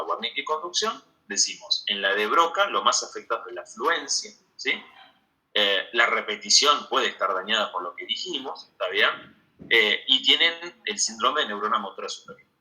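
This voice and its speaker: Man lecturing with a very bright voice. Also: mid-range voice, poor audio. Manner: explanatory, checks in with frequent "¿sí?". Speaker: medical school lecturer. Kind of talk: online university lecture.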